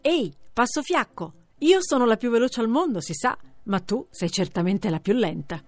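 A woman's voice: lively intonation, a little fast, dry recording. A woman voicing a boastful, cocky young female hare who brags and taunts in a storybook reading. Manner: bragging, taunting, shrill laughter.

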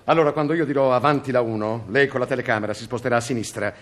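A man's voice: medium pitch, rapid-fire, natural voice. A man playing an exasperated, bossy television director in a vintage comic sketch, scolding his cameraman in a huffy way. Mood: instructing. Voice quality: huffy, scolding, easily flustered. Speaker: TV studio director.

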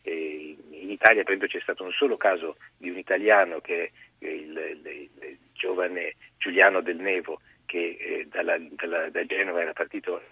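A low-voiced man calls in by phone as a guest journalist, his tone measured and explanatory. The voice is husky and comes through a dry, tinny phone line. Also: fairly even intonation, dry recording. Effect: heard over the phone. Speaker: magazine deputy editor, guest journalist. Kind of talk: phone-in news briefing.

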